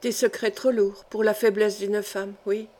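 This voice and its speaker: A woman reading the part of a sorrowful, reserved young noblewoman, quiet and guarded, in an audiobook. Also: medium pitch, level tone, measured pace, lightly acted. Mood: subdued.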